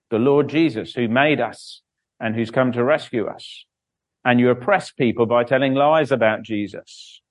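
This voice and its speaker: A man reading scripture and preaching a sermon, with frequent "uh" fillers and stumbles over names. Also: mid-range voice.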